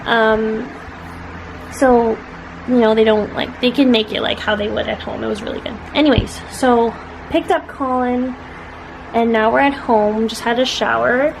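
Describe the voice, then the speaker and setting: A woman's voice: a little high, fairly even intonation, measured pace. A young Canadian woman vlogging in a casual, rambling way with lots of fillers. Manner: chatty, rambling with many fillers. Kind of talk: casual vlog chat. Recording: noisy background.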